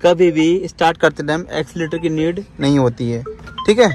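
Soft background music plays as a man with a fairly high voice gives a driving lesson from inside a car, talking fairly quickly. This driving instructor walks his student through each step, repeating commands and ending lines with "ठीक है".

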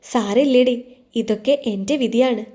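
A woman plays a young storybook heroine carrying a hidden heartbreak. She talks gently and teases softly, her voice a little high and mellow. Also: moderate pace, natural voice. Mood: wistful. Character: young woman, wounded but teasing, hiding heartbreak.

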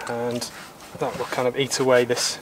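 A man in his thirties calmly explaining, step by step, how he repairs a boat part outdoors. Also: mid-range voice, normal speed, noisy background. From Britain. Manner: calm, methodical, plain-spoken, mildly opinionated. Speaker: sailor doing boat repairs. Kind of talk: explaining repair steps while working. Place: outdoors in a garden workshop.

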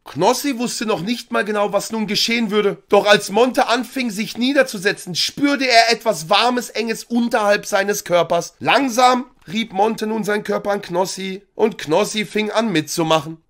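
Loud, bright-voiced streamer man. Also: high-pitched, normal speed, hardly any pauses. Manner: loud, boisterous, bursts into shouts. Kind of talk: reading a story aloud, then casual chat.

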